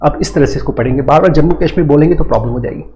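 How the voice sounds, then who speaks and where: A man teaching a law class. He reads the legal text slowly, repeats each point and puts questions to his students. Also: a little high, mellow, slight background noise, poor audio. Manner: reads legal text slowly in English, then explains in Hindi. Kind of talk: recorded law lecture.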